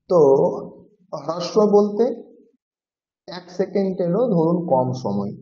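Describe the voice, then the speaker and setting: A man with a voice on the high side and a little mellow teaches a language class. In this classroom lecture he explains patiently and repeats each sound several times to demonstrate it. The audio is roomy and dull-sounding.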